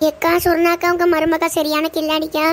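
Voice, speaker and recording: High quick gossipy neighbour lady, a woman doing her, sly troublemaker, tirunelveli tamil. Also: monotone, music in the background. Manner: sly, stirring trouble, coaxing. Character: meddling gossipy neighbour mother-in-law Parvathi.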